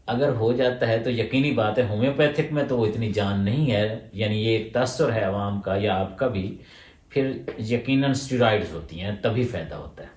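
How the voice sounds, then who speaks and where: A lower-pitched man answers questions as a homeopathic doctor. He explains step by step, laying out his points one after another. His voice sounds set back from the microphone in an echoing room. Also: a little mellow, recorded from a distance. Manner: explanatory, lays out points in order. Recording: roomy echo, voice from away from the mic.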